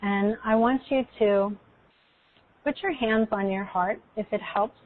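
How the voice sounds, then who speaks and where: A woman speaking in a soothing, unhurried way with pauses between phrases, as if leading a guided meditation. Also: medium pitch. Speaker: guest energy healer leading a guided meditation. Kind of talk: guided meditation and spiritual talk. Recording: tinny, phone-like call audio.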